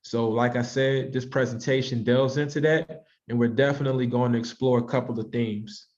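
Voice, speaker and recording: An American man in his thirties, from Washington, D.C., hosts a virtual book club as an author and presenter, speaking informally and reflectively to an online audience. His voice is medium-pitched, steady, and a little mellow, at a moderate pace. The online video call audio is slightly dull and lo-fi.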